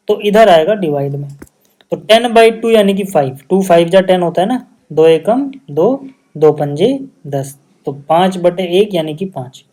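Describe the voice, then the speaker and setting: A man's voice: high-pitched, warm tone. A man with a Hindi accent teaching a maths lesson step by step at a whiteboard, often checking that students follow and mixing English maths terms into his Hindi. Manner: patient, step-by-step explaining with frequent check-in questions.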